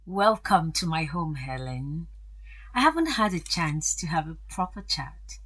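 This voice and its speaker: On a rough recording, an actress gives a husky, lowish female voice to a wealthy and gracious older aunt in an audio drama. The character is chatty and confiding, and her delivery is deliberate and hesitant.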